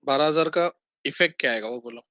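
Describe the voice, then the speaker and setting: Brisk man teaching an online class. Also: medium pitch, sharp tone, dry recording. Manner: brisk teacher talk, quizzing students, mixing English terms into Hindi.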